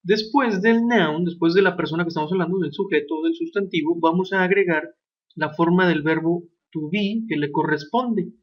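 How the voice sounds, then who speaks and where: A man explaining English grammar slowly and deliberately, asking his students questions as he goes. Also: on the high side. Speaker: English teacher. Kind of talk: grammar lesson narration. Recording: dull lo-fi recording.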